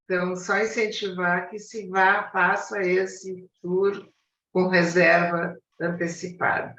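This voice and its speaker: Woman from Brazil, low slow voice, far from the mic, echoey dull sound. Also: little pitch movement, fairly bright tone. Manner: earnest, encouraging advice. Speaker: study group participant. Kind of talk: casual online group discussion. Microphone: video call. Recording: distant, echoey, dull video call audio.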